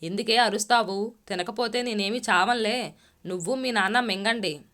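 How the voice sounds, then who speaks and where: A woman voicing a loud, shrewish middle-aged mother who scolds and curses harshly, in a read-aloud story. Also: mid-range voice, moderate pace, lightly acted. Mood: scolding. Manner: harsh, cursing, shouting.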